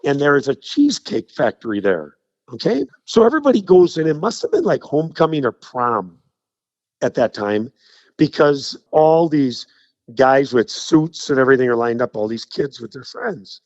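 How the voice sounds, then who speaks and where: A man's voice: medium pitch, normal speed, no echo, lo-fi sound. A man telling stories as a guest on a radio show, acting out the people in them. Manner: animated anecdote teller, acts out the people in his stories.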